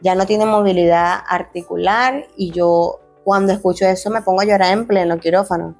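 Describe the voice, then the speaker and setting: A woman's voice: medium pitch, steady tone, normal speed, a little mellow, soft background music. Earnest woman retelling her injury story. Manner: earnest, many restarts, acts out quoted dialogue. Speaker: guest, former athlete turned fitness coach. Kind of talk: emotional personal storytelling.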